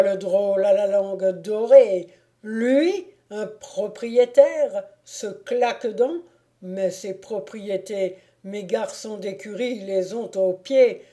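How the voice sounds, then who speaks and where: A woman reading a storybook voices a haughty nobleman who mocks and taunts loudly. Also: mid-range voice, lightly acted. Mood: mocking. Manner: loud, scornful. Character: haughty mocking nobleman, adult man.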